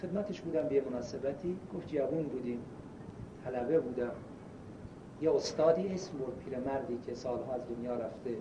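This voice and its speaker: A man preaches a sermon and tells stories, swinging from loud emphasis to hushed quotations. The recording is dull and lo-fi, echoey and distant, with a faint rumble.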